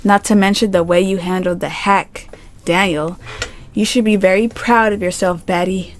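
Woman voicing an older female boss, commanding, low, hushed, brisk, story game. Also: steady tone, slight background noise, lightly acted.

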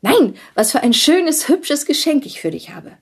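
A woman's voice: a little high, lively intonation, measured pace, a little mellow, husky, voice pushed up, heavily acted. A woman voicing an anxious young wife who pleads eagerly and breathlessly in an audiobook reading. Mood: pleading. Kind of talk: audiobook character voice.

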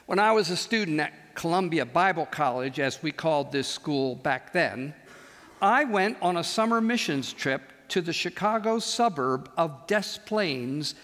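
An older man with a fairly high voice preaches a chapel sermon on a big auditorium stage, speaking into a headset microphone. Animated and gesturing, he slows down into emphatic pauses, and a long reverb tail follows his words.

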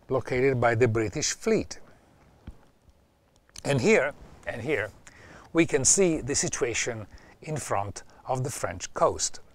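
A man with an Italian accent giving an informal history talk, often repeating and restarting his phrases. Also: mid-range voice. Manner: varies loudness a lot from phrase to phrase. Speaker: history presenter.

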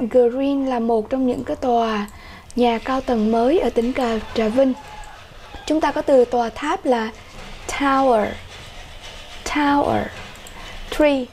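A woman teaching a workbook lesson to children online, repeating English words slowly and carefully, with a Vietnamese accent. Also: high-pitched, darkish tone, slight background noise.

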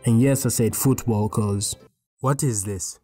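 A teenage man from Tanzania narrating a comedic animated story in a joking, slangy way. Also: medium pitch, unhurried, breathy edge, soft background music. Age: teens.

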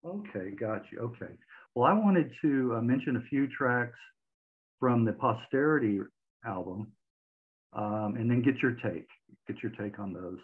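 A man's voice: mid-range voice, expressive, a little slow. Man interviewing over a tinny call line. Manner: friendly, hesitant questions with repeated words. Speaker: interviewer host. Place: home room with record shelves. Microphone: video call webcam mic. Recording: tinny phone-like video call audio.

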